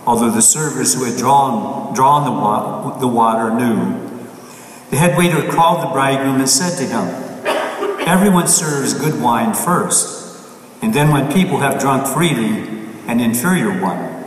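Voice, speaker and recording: A man serving as priest, reading the gospel and preaching a homily in a plain, halting way with frequent restarts, heard with heavy cathedral echo in a large church. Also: medium pitch. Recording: long church reverb from far off, faint noise.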